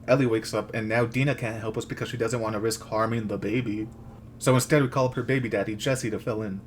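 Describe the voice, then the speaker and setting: A man's voice: fairly low pitch, fairly even intonation, fast, slight background noise. A man delivering a scripted comedic rant as host, with sarcastic, crude, slangy jokes. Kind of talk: comedic rant recap of a video game, scripted narration.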